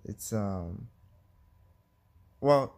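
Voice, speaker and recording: A man's voice: lowish voice, lively intonation, very slow, creaky, a little mellow. A man talking to the camera in a casual, rambling vlog, hesitant and giggly, with many restarts, recorded on a phone. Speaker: vlogger.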